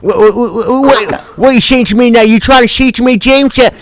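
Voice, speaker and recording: A man putting on a boastful, defensive American hillbilly with a loud, drawling Southern accent. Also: extremely high pitch, fairly quick, pitched above the performer's own voice. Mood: indignant. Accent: rural Southern American.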